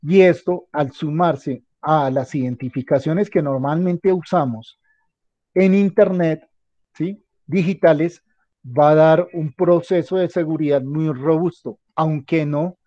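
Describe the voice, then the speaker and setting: A man giving a classroom lecture, halting and restarting often, checking in with the class after many phrases. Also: fairly high pitch, dark tone, dry recording. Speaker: teacher. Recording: dull, muffled lo-fi audio.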